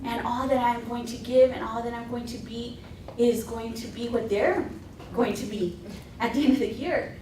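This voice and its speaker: A woman with a somewhat high voice speaks on a conference panel in a lively, storytelling way, slipping into the voices of the people she quotes. She sounds set back from the microphone. The room is echoey, with faint noise behind her. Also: moderate pace. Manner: animated, acts out past dialogue in quotes. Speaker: new teacher panelist. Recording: echoey room, mic at a distance.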